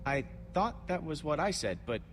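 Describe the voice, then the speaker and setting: A man's voice: a little high, big pitch swings, moderate pace, slight background noise. An actor playing a polite, humble young male companion in a video game. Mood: modest.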